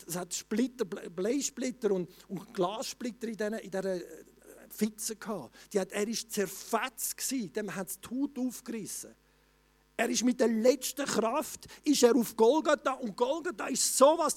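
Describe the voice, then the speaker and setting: A man preaching a sermon in a colloquial way, often restarting his sentences and rising to loud exclamations. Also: high-pitched.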